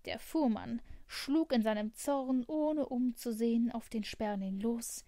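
Woman narrator, fairy tale audiobook, calm even telling, slow pace, mellow tone. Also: on the high side, no room sound, studio quality.

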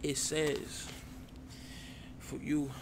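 A man's voice: fairly high pitch, little pitch movement, extremely slow, background noise. A man voicing a frantic, down-on-his-luck addict who begs and rambles repetitively in a whispered role-play. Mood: rambling.

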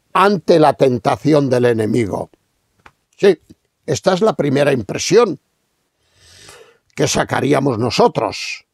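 A middle-aged man from Spain preaching a sermon, reading Scripture slowly and emphatically with rhetorical questions. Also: on the high side, dry recording, studio quality.

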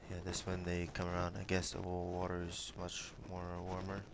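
A young man from Micronesia speaks slowly and flatly in a low voice, hesitating often with fillers as he answers questions. He talks into a headset from a small room lined with bookshelves. Steady background noise runs under the video-call audio. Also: gravelly. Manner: hesitant, pauses with many fillers. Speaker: interviewee. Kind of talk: casual interview answers.

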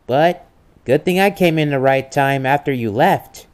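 An actor playing a mischievous young trickster and liar in an amateur comedic role-play, coy and teasing with drawn-out feigned innocence. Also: male voice, on the high side, close to an everyday voice. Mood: playful.

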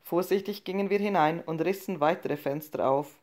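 A woman narrating a short story as an audiobook reading, in a calm, measured and subdued way. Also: on the low side.

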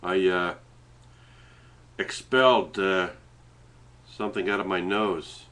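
A man's voice: low-pitched, level tone, unhurried, fairly bright tone. A middle-aged man with a Canadian Maritime accent and a stuffed-up nose, rambling hesitantly in a casual webcam chat at home. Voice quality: congested, stuffed-up nasal sound. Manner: rambling, hesitant, sometimes talking while eating. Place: small indoor room at home. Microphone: webcam setup at desk distance.

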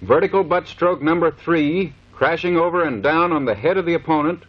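Speaking a little fast in a fairly high voice, a man narrates a training film with scripted, matter-of-fact instructions, heard through a dull, lo-fi 1930s soundtrack.

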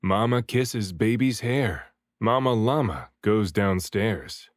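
A man reading a children's picture book aloud expressively, with deliberate, rhythmic phrasing of the rhymes. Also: lowish voice, expressive, no room sound, studio quality. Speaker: children's book reader, voice actor.

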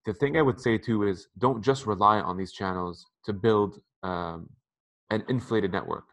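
His voice is lowish and a bit bright at a normal speed as he, a man in his thirties, talks through casual advice as an interview guest. He's on a headset video call by a window in an apartment room, repeating words often in his conversational way.

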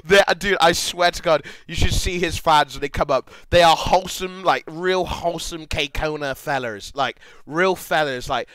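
A young man, streaming casually, excitable and profane, rambling between asides. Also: fairly high pitch, moderate pace, few pauses, smooth, no echo. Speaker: livestreamer. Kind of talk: casual livestream reaction chat.

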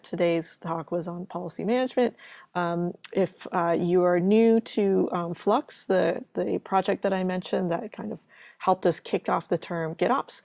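A woman's voice: on the low side, gravelly, darkish tone, no room sound. A woman moderating a live online webinar, chatty and welcoming, with many fillers. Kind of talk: casual live webinar hosting.

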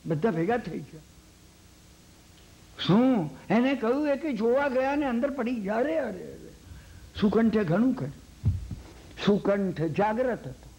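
High-voiced man giving a Jain sermon. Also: unhurried, pauses often. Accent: Gujarati. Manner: lively storytelling, acts out quoted lines, asks the hall "samjya ne?". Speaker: Jain lecturer. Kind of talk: sermon with storytelling.

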